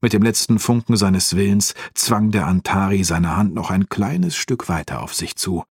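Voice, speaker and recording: A man reading a fantasy audiobook in a calm, even storytelling voice, close to the mic. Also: low-pitched, normal speed, slightly rough, dry recording. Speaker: audiobook narrator. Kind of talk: scripted fantasy audiobook narration.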